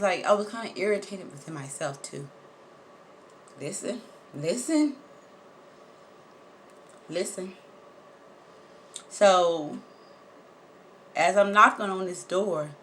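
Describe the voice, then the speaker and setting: A woman telling a personal story straight to her viewers, animated and emphatic, repeating words for effect and swearing casually. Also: mid-range voice, slow, long pauses, slight background noise. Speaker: vlogger.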